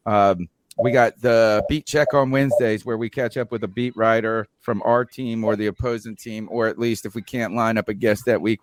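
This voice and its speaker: A man's voice: medium pitch, no room sound. A man hosting a fan podcast in a loose, joking, rambling casual chat. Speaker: podcast host.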